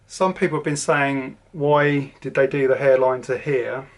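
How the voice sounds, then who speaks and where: This is a man in his forties from southern England, speaking with a southern English accent in a loose, rambling to-camera vlog with frequent ums and restarts. His medium-pitched voice stays steady and unhurried.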